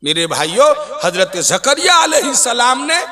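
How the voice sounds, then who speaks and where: A man preaching a sermon, in an impassioned style that swings from shouted peaks to hushed drops. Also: extremely high pitch, sing-song, normal speed, long reverb tail. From West Bengal, India. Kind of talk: Islamic sermon.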